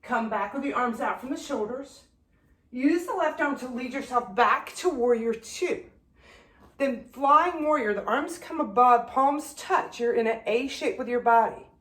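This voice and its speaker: A woman's voice: fairly high pitch, echoey room. A woman yoga instructor calling out poses in a yoga flow class, slightly out of breath as she moves through it. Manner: calm, directive cues, sometimes winded while moving.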